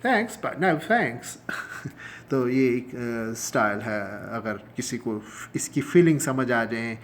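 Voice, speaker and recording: Male English teacher from Pakistan, mid-range voice, relaxed chatty delivery, slows down to stretch the examples. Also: medium pitch, a little hiss or hum. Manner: explains in Urdu, slows down and stretches English phrases for emphasis; chuckles often, conversational with many fillers. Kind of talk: casual spoken lesson.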